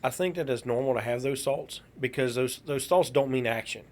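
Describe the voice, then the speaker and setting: A man co-hosting a podcast, calm and reassuring, speaking in a measured way. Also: medium pitch. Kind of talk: supportive conversation.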